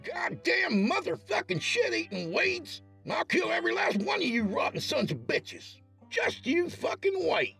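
A man's voice: fairly high pitch, wildly swooping pitch, measured pace, few pauses, a bit bright, breathy edge, soft background music, pitched above the performer's own voice, heavily acted. A man voicing a big, crude hillbilly neighbor who drawls and curses. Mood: raging. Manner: drawling, cursing.

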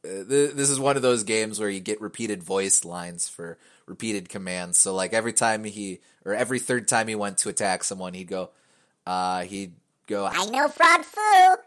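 A man's voice: fairly low pitch, moderate pace. A man hosting a casual podcast chat about a video game, wry and rambling, with a lot of fillers and restarts. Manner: wry, joking. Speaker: podcast host.

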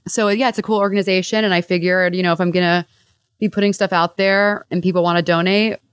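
Playful young woman, low and dry. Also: steady tone, clear, resonant tone, dry recording. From United States. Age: young adult. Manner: playful, self-mocking, drawn-out vowels. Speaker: guest comedian. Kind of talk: casual podcast interview. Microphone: remote call.

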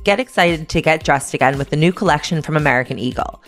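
Low-pitched woman reading scripted news podcast. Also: fast, soft background music. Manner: wry, informal asides in scripted read. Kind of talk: scripted news briefing and ad reads.

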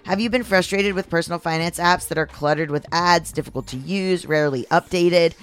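An androgynous, mid-pitched voice, deepened by testosterone and a little strained. The podcast host delivers scripted sponsor reads conversationally, slipping in personal asides, with music behind. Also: a little fast, a bit bright, clear, resonant tone.

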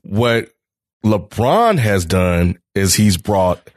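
A man co-hosting a sports podcast, laying out his view in a measured way with frequent fillers. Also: lowish voice, sing-song, dry recording, clean studio sound. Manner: measured, thinking aloud with fillers. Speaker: podcast co-host. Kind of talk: casual sports debate.

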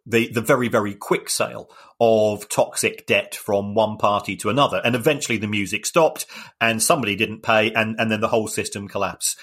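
Lowish guy on a football podcast, measured explainer, lots of um and restarts. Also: fairly bright tone. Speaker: podcast co-host, football finance expert. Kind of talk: casual podcast chat.

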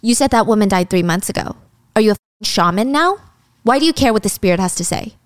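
A woman's voice: mid-range voice, animated, fast talker, no echo, studio quality, lightly acted. A woman voicing a scornful, defensive police chief who mocks and threatens a junior officer, in a drama recap. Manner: sarcastic, threatening.

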